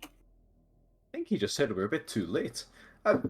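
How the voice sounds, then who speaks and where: A man's voice: medium pitch, huge pitch swings, normal speed, husky. A man playing a tabletop role-playing game, chatting casually and narrating his character in a rambling, informal, sweary way.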